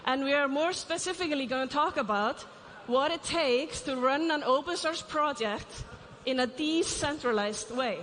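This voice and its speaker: An Icelandic woman, the CEO delivering a conference keynote, speaks in a high, slightly bright voice at a moderate pace. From a large stage she poses questions to the audience and drops light asides. The hall is reverberant, with faint ambience.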